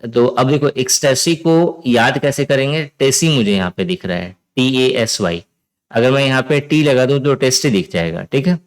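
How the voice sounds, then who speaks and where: A man with an Indian accent teaching vocabulary with memory tricks, in a casual, chatty way that often checks the listener follows. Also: mid-range voice. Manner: casual, chatty explaining with frequent "theek hai?" checks.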